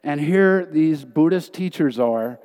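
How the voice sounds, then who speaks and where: Telling stories of his missionary teaching, a man delivers an earnest, emphatic testimony during a sermon in an echoing church hall. He speaks slowly and expressively, his voice on the high side and warm.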